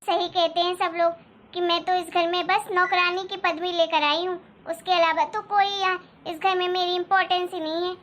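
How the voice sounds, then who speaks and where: A woman's voice: extremely high pitch, level tone, normal speed, a bit bright, slight background noise. A woman voicing a resentful young daughter-in-law who complains sarcastically in a cartoon story. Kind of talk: Hindi cartoon story dialogue.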